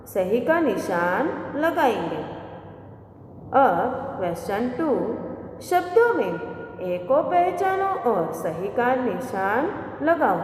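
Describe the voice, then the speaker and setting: Woman primary teacher, very slow and patient, lively high voice, echoey room. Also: slight background noise. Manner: slow, patient, drawn-out letter-by-letter explanation. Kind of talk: recorded Hindi lesson for young children.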